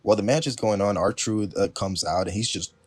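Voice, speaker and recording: Husky low-voiced man recapping wrestling. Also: fairly quick, dry recording. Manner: chatty, laughing, lots of fillers. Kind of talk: casual recap commentary.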